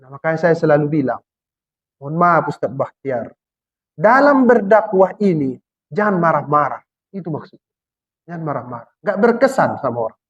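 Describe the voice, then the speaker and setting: A man preaching a Quranic exegesis sermon, putting questions to the congregation and answering them himself, and slowing right down to recite verses. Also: on the high side, sing-song. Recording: dull lo-fi recording.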